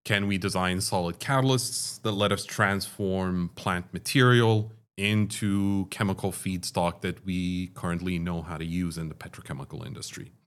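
A man from Dubai, a chemical engineering professor, answering interview questions in a measured, explanatory way. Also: low-pitched, fairly even intonation, clear, resonant tone. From Dubai, Middle East. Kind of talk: conversational interview.

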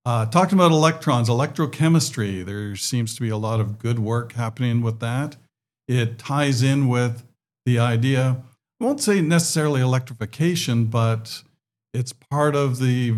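A man hosting a podcast, asking questions in a friendly way and often repeating words as he thinks. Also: mid-range voice. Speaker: podcast host. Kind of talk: conversational interview.

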